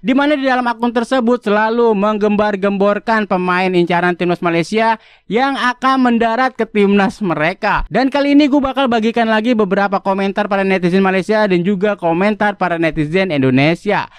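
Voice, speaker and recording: Smooth high-voiced male video narrator. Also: fairly quick, no room sound.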